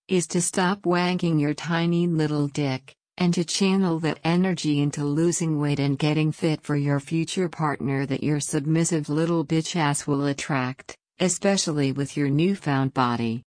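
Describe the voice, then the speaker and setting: Commanding woman with a low voice. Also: fairly even intonation, normal speed, few pauses, darkish tone, no echo, clean studio sound. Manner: commanding, strict, condescending. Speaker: dominant trainer in audio recording. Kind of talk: scripted direct-address narration.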